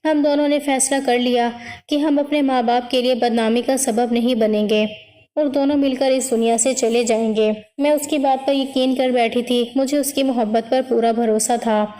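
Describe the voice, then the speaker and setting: A woman reads a scripted first-person story in a steady, solemn way. Her voice is somewhat high yet dark and mellow in tone. A long hall reverb hangs on every word.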